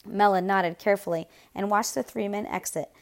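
A woman narrating a novel aloud in a steady, measured, grave storytelling voice. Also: medium pitch. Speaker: audiobook narrator.

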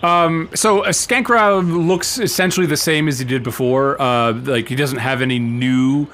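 A matter-of-fact man runs a tabletop game, describing scenes in a calm, even way. His voice sits at a middle pitch, with a faint background hum. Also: normal speed. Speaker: game master.

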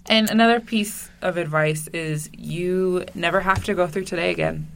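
A woman co-hosts a podcast in loose, casual chat. Her voice sits low and has a gravelly fry to it. She fills her talk with "like" and tosses in quick jokes. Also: fairly even intonation, slight background noise. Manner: casual, heavy use of "like", joking asides. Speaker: podcast co-host.

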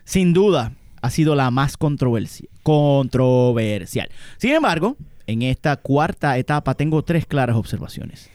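A man's voice: medium pitch, big pitch swings, measured pace, hardly any pauses, darkish tone, dry recording, clean studio sound. A man with a Puerto Rican accent co-hosting a podcast, bantering, swearing and laughing a lot. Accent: Puerto Rican Spanish. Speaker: podcast co-host. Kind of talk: casual banter.

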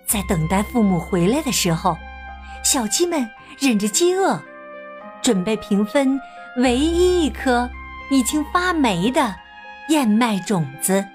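Lively woman reading a children's story. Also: on the high side, a little slow, faint music behind. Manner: animated, voices the characters.

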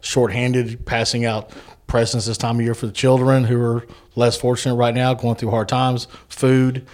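A man's voice: mid-range voice, flat delivery, normal speed, a little mellow. A man hosting a podcast in a casual, easygoing and supportive way, with many "uh" fillers. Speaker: podcast host. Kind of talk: casual chat.

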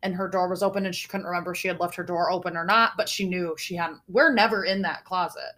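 Speaking quickly in a lowish, nasal voice, this young female podcast co-host tells a story during laid-back conversation. Her swearing is frequent, her energy high, and her storytelling breathless.

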